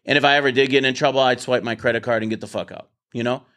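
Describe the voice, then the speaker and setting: A podcast host with a steady, medium-pitched, slightly bright voice talks very fast while running a casual debate show from his office. He speaks bluntly, swears, and repeats words as he starts sentences.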